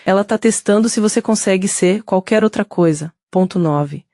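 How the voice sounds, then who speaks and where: A woman with a Brazilian Portuguese accent giving steady scripted narration that speaks directly to the listener. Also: medium pitch, normal speed, no echo, studio quality.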